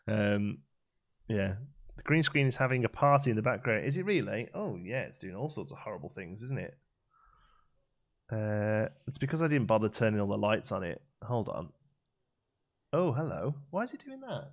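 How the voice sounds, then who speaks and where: A man from Staffordshire, England, with a lowish voice and a West Midlands English accent, chats casually while live-streaming a game from his home green-screen room. He reads and answers viewers' messages in an easygoing, talkative way, with frequent fillers and restarts.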